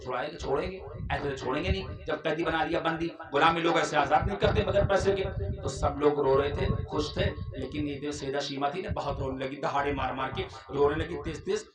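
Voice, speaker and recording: A man's voice: fairly high pitch, brisk. A man preaching a religious sermon to a gathering, telling a story with emphatic repetition and calling questions out to the audience. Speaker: Islamic preacher. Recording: echoey venue with crowd.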